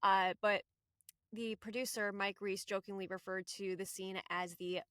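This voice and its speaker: A woman's voice: medium pitch, fairly even intonation, normal speed, fairly bright tone, smooth, dry recording, studio quality. A woman co-hosting a casual podcast, chatting with plenty of fillers as she talks. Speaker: podcast co-host.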